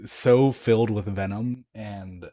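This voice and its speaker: Man, young adult, fairly low voice, casual excited chat, swearing, frequent restarts. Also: takes it slowly. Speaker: podcast co-host.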